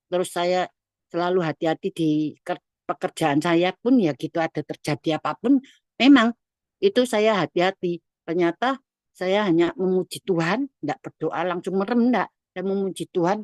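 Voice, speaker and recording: A woman's voice: on the low side, darkish tone, no echo, studio quality. A middle-aged woman giving an emotional personal testimony, repeating herself and restarting often.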